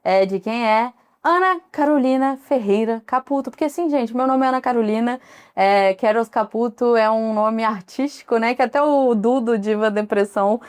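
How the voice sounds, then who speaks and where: A chatty woman in her thirties from Brazil who hosts a one-person podcast in a relaxed, conversational way. She wanders into asides and tangents, with a voice that sits somewhat high for a woman. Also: normal speed, clear, resonant tone. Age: 30s. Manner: chatty, digressive, frequent asides. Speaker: podcast host. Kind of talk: casual solo podcast chat.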